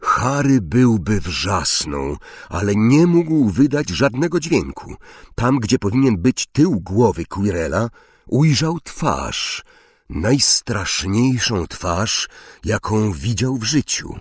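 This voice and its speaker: A man reading a storybook aloud as narrator, slow and dramatic with drawn-out pauses. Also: fairly low pitch, very animated, breathy edge, no echo, clean studio sound. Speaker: audiobook narrator.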